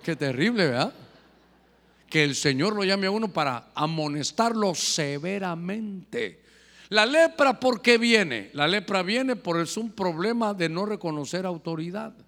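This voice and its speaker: Male pastor, high voice, fervent sermon delivery, long hall reverb. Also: animated, unhurried, fairly bright tone. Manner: fervent preaching, often addressing "hermano".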